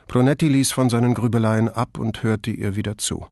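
A man's voice: mid-range voice, fairly even intonation, fairly quick, a little mellow, dry recording. Man narrating an audiobook, dry sound.

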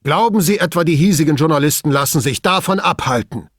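A pompous police chief, voiced by a man reading an audiobook, pushes every point with indignant emphasis. His husky voice leaps around in pitch, and the recording is close and dry. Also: sing-song, measured pace, no room sound.

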